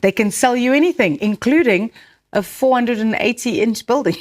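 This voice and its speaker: South African woman co-host, higher-pitched voice. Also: animated, normal speed, a little mellow. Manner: chatty, switches between Afrikaans and English. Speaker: radio or podcast co-host. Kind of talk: casual co-host banter and storytelling.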